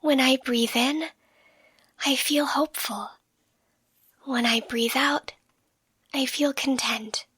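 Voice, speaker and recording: In this ASMR bedtime roleplay with slow storybook reading, a woman voices a loving catgirl girlfriend lulling her partner to sleep, using a high, exaggerated, soft and breathy voice that is often whispered. Her tone stays steady and her manner is tender, gentle, unhurried and reassuring, giving a soothing feel. It is recorded close to the mic with no echo over soft music.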